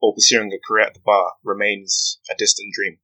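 Brief: young man, podcast guest, earnest and measured, lowish bright voice. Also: flat delivery, low-quality recording. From West London, UK. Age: 20s. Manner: earnest, measured storytelling with frequent "you know". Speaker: guest, aspiring barrister. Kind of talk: podcast interview.

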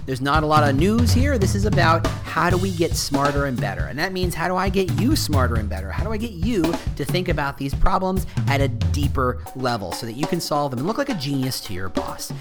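A man's voice: fairly high pitch, fairly quick, few pauses, loud music behind the voice. A man hosting his own podcast, talking casually on his own with frequent restarts and asides. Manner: rambling, self-interrupting, lively delivery. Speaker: podcast host. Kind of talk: casual solo podcast talk.

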